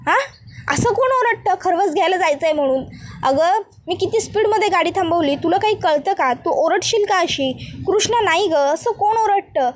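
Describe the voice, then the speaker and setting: A woman voicing a sharp-tongued, irritable young husband who scolds and mocks, retelling a TV serial scene. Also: high-pitched, a little fast, a little hiss or hum, lightly acted. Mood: irritated. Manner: scolding, sarcastic.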